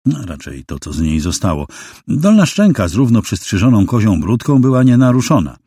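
A man reading a novel aloud as expressive, dramatic audiobook narration. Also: on the low side, no room sound, clean studio sound.

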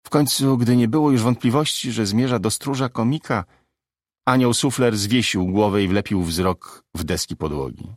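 A man narrating an audiobook story expressively, in a lively storytelling manner. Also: fairly low pitch, normal speed, no echo, clean studio sound.

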